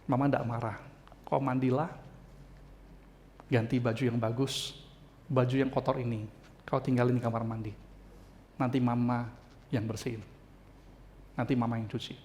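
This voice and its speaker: A man voicing a gentle, forgiving mother who soothes her young child in a soft, reassuring way within a sermon story. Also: fairly high pitch, moderate pace, pauses often, a little hiss or hum, natural voice.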